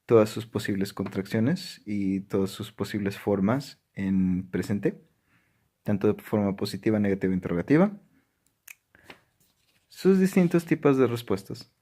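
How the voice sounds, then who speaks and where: A man's voice: on the low side, dark tone. Emphatic male language teacher. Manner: frequent "ujú" affirmations, emphatic. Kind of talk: explanatory lesson.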